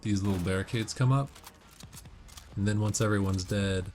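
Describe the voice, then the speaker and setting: Game music and gunfire play behind a gamer offering casual walkthrough tips step by step. His voice is fairly low and a little mellow, at a moderate pace, and his manner is explanatory and instructional.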